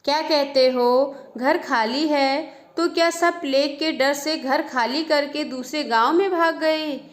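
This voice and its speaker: A woman's voice: sits high, slow. Woman voicing a pleading old village man. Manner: pleading, lamenting. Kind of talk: storybook reading.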